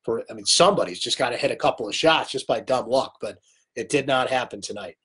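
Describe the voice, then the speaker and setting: This man speaks at a medium pitch, fast and slightly bright, with a breathy edge. He hosts a live sports recap stream in a casual, opinionated, chatty way, reading viewer comments aloud and answering them while a cold takes his voice.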